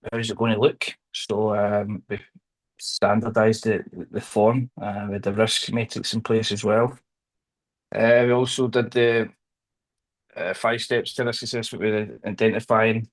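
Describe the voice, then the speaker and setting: A man's voice: fairly low pitch, low-quality recording. Hesitant Glaswegian man explaining. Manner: hesitant, many ums and restarts. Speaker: candidate in a training assessment interview. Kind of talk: conversational professional discussion.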